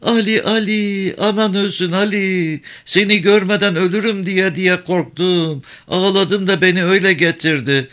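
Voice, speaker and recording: A man's voice: high voice, lively intonation, moderate pace, sharp tone, voice pushed up. A man reading aloud, voicing a worn-out, tearful old village mother with a plaintive lament.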